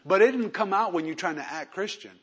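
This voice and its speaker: A male pastor preaching a sermon who tells personal stories, moving between hushed storytelling and loud, emphatic preaching. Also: high voice, fast talker, husky. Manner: acts out quoted voices in his stories.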